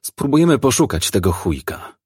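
A man's voice: medium pitch, big pitch swings, normal speed, darkish tone, slightly rough, dry recording, clean studio sound, pitched above the performer's own voice. A man voicing a brusque police officer who talks bluntly and matter-of-factly, in an audiobook. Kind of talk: audiobook character voice.

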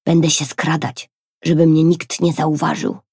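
A woman voicing an excited little boy in a storybook reading, speaking eagerly and exclaiming. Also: low-pitched, unhurried, vocal fry, slightly rough, no echo, studio quality, heavily acted.

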